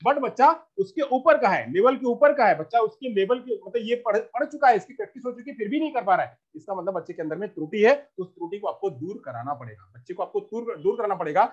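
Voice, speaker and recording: A man's voice: high-pitched, big pitch swings, fast, few pauses, slightly rough, lo-fi sound. A man teaching a teacher-training lesson, explaining step by step with examples and often repeating himself.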